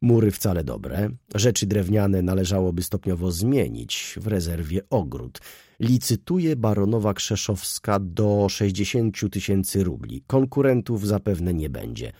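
Guy doing a scheming smooth-talking lawyer, gravelly husky voice, dry close sound. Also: sits low, measured pace, no room sound, exaggerated voice. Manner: animated, persuasive, theatrical emphasis. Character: scheming middle-aged male lawyer, smooth and sly. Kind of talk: audiobook character voice.

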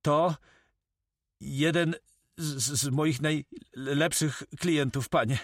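A man voicing a fretful, whining old male notary with a high, sighing voice in an audiobook. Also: steady tone, measured pace, dry recording, studio quality. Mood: pleading.

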